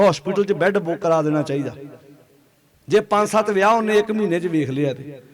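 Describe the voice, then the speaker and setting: A man giving a Sikh sermon to a congregation and often asking them to answer aloud. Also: sits high. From Punjab. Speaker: Sikh preacher. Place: gathering before a congregation.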